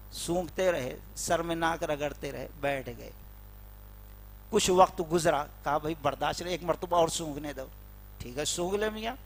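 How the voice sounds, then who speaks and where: A man preaching a sermon in a mosque, retelling a story dramatically with voiced dialogue and building to loud, emphatic peaks. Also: fairly high pitch.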